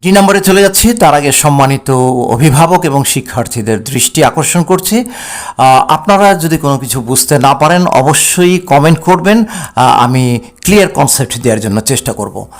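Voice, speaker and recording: Gravelly, slow-explaining male teacher. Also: fairly high pitch, animated. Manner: slow and explanatory with many "uh" fillers; sounds out English words slowly, one by one. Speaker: English teacher. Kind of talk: textbook lesson explanation.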